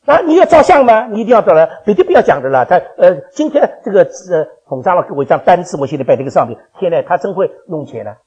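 Old guy pastor preaching in church, super raspy voice, lively up and down, keeps asking the crowd questions and laughing. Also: high voice, fast talker, few pauses, dull audio. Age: older. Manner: animated, quizzes the congregation with questions, laughs often. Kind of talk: sermon.

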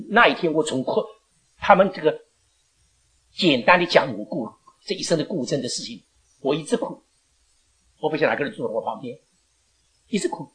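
Lively elderly woman addressing a congregation. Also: low voice. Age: older. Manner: animated, rambling, laughs often, slips in English phrases. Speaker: elderly church member giving thanks. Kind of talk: emotional speech to a congregation. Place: church gathering.

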